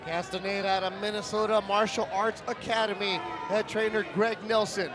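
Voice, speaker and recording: Male live sports play-by-play, very high-pitched voice, crowd behind. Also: level tone, a little fast. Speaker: fight play-by-play announcer.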